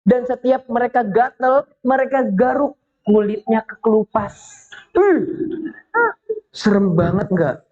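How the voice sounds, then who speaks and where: A woman teaching children through an animated, playful story, often stopping to quiz them. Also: a little high, a little slow. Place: mosque. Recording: dull lo-fi recording.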